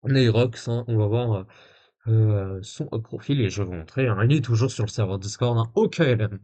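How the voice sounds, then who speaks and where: A man's voice: on the low side, normal speed, mellow. A man live-streaming, reading messages aloud and commenting in a casual, rambling way with lots of fillers and sarcastic asides. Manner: casual, rambling with many fillers and self-corrections.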